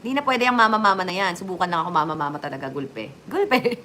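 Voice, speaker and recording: Chatty Filipina vlogger with jumpy delivery. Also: female voice, very fast, a little hiss or hum. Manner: chatty, lively swings in pitch and loudness, joking asides. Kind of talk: casual chat to viewers.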